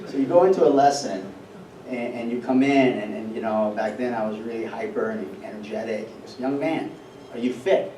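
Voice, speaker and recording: A man's voice: lowish voice, a little fast. Man giving a chatty memorial speech in an echoey hall. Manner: chatty, repeats words, laughs often. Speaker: eulogy speaker. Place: event hall. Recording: echoey hall from far off, noisy.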